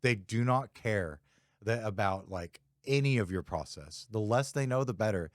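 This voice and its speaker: Laid-back low-voiced man, dry sound. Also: animated, moderate pace, no room sound. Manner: laid-back, rambling, many fillers. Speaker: podcast host, photographer. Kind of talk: casual chat.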